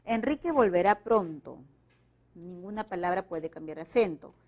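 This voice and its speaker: A woman's voice: on the low side, animated, normal speed, a little mellow. A woman teacher from Peru, working through exam questions and reading the example sentences aloud with marked intonation. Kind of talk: explaining exam answers.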